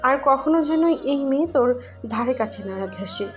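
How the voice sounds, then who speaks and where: A woman's voice: sits high, expressive, normal speed. A woman putting on a weepy scolding mother. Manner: scolding, accusing. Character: tearful angry middle-aged mother, blaming. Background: faint background music.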